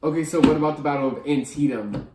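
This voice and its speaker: A man's voice: a little high, fast talker, lightly acted. Lazy wisecracking schoolboy played by a teen boy in a school skit; echoey room, faint noise. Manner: offhand, lazy. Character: lazy, joking teenage boy student.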